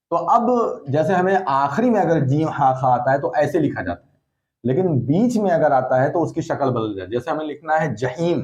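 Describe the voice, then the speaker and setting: A man's voice: mid-range voice, darkish tone, dull audio. A man teaching a recorded lesson, explaining patiently and repeating points with frequent check-ins. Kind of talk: recorded lesson on letter shapes.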